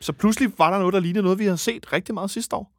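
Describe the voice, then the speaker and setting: A man's voice: high voice, no echo, clean studio sound. A man hosting a casual fan chat about a football match, rambling and correcting himself as he goes. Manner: chatty, rambling, self-correcting. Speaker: football podcast host.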